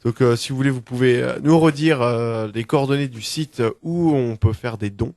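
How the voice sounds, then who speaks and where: Un homme qui mène une interview à la radio sur un ton de conversation, un peu hésitant. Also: male voice, medium pitch, normal speed, a little mellow, no room sound, clean studio sound. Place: close dry radio microphone.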